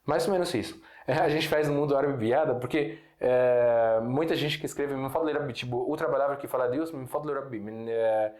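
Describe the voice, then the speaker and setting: Syrian man, native Arabic speaker, mid-pitched, teaching a relaxed lesson with lots of fillers, recorded in a roomy echo. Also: brisk, few pauses. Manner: hesitant, many fillers and restarts, explains with examples. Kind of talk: casual online language lesson. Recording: echoey room.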